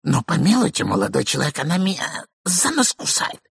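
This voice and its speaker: A man voicing a cowardly, panicky gentleman who whines and complains. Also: a little high, huge pitch swings, brisk, creaky, slightly rough, no room sound, clean studio sound, pitched above the performer's own voice, exaggerated voice. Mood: panicky whining. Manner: whining complaints. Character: cowardly middle-aged gentleman, whining and panicky.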